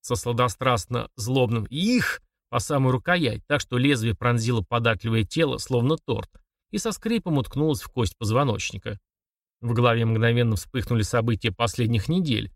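A man reads a crime thriller aloud in a steady, measured way. His voice sits at a middling pitch, and the recording is dry and close to the mic. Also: dry recording, far from the mic. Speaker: audiobook narrator. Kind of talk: scripted narration.

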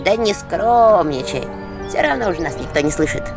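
Imps, male, small and cheeky played by a woman: high squeaky chatter, lively swoops. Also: normal speed, music in the background. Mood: excited chatter.

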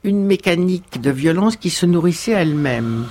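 A man's voice: sits high, lively intonation, moderate pace, darkish tone, soft background music. A man interviewed for a documentary, recounting events hesitantly with many fillers and restarts. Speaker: interviewed guest.

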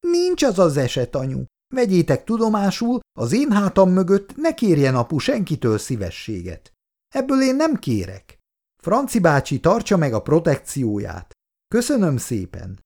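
A man voicing a proud, easily upset young woman in a read-aloud story who bursts out indignantly, pitched high. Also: huge pitch swings, vocal fry, hardly any pauses, mellow, breathy edge, full character voice. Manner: indignant outbursts.

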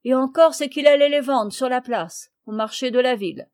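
Gruff loyal peasant man, blunt and mocking, storybook reading, voiced by a woman. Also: high-pitched, normal speed, darkish tone, dry recording, clean studio sound, lightly acted.

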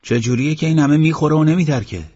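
A man's voice: fairly high pitch, darkish tone, breathy edge, no room sound, voice pushed up. A man voicing a blunt young villager. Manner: blunt, agitated. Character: young male villager, son of a farmer. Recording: dull lo-fi audiobook recording.

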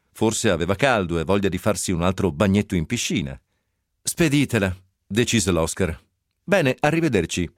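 Low-voiced man reading with lively irony. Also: no room sound. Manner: lively storytelling, dry ironic asides. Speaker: reader of a novel excerpt. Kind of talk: expressive literary reading. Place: radio studio.

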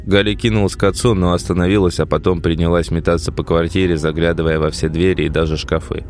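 A man narrating an audiobook in a measured, dramatic reading. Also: low voice, flat delivery, darkish tone, faint music behind. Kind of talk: scripted narration.

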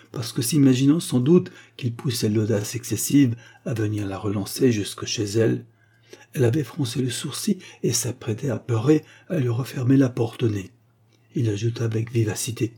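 A man narrating a classic French story in a measured, literary way. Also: medium pitch, mellow, husky. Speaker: audiobook narrator. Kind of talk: scripted narration.

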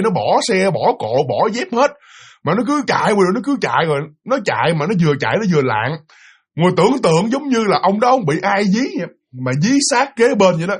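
Fast animated husky man telling a ghost story. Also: high voice. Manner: animated, acts out voices of people in the story.

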